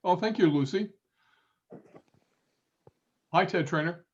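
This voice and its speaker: A man's voice: sits high, takes it slowly, slightly rough. A man hosting a video call seminar, upbeat and thanking each speaker in turn. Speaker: seminar host. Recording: muffled video call audio.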